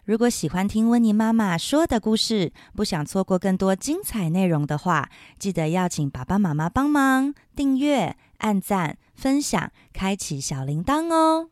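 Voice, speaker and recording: A woman's voice: medium pitch, darkish tone, no echo, studio quality. A woman hosting a children's story podcast, reading a picture book aloud in a sing-song manner addressed to kids. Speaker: storytelling mother, podcast host.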